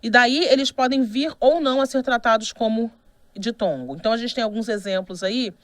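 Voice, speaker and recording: A woman's voice: fairly high pitch, fairly quick, no room sound. A Brazilian woman with a Brazilian Portuguese accent giving a university lecture, explaining patiently and checking in with "né?" as she goes. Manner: explanatory, with frequent "né?" checks and restarts. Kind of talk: recorded online lecture.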